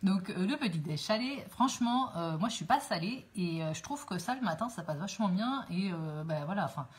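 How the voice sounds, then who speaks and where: A woman's voice: on the low side, lively intonation, a little fast. Chatty French woman on a kitchen live stream. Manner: chatty, rambling, many fillers, talks to viewers. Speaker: cooking live host. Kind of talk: casual live-stream cooking chat. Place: home kitchen. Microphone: phone.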